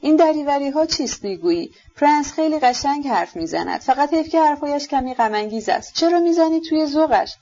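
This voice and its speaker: A woman putting on a flustered high-voiced noblewoman. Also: lively intonation, vocal fry, hardly any pauses, mellow, breathy edge, highs cut off, full character voice. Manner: flustered, scolding questions. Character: fussy bewildered older noblewoman, the general's wife.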